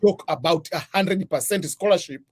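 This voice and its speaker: A methodical Tanzanian man, a scholarship advisor appearing as a guest, explains things step by step in an interview, breaking topics into numbered points. His voice sits high, a little mellow and slightly rough, at a moderate pace.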